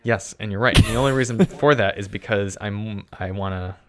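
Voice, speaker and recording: A man's voice: lowish voice, normal speed, fairly bright tone. A young man co-hosting a car podcast, chatting and teasing with easy enthusiasm. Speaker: podcast co-host. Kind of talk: casual chat.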